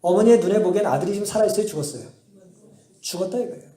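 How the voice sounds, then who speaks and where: High-voiced pastor preaching in an echoey church. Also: male voice, rapid-fire, warm tone. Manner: asks the congregation rhetorical questions and answers them; emphatic storytelling. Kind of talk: sermon. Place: church sanctuary.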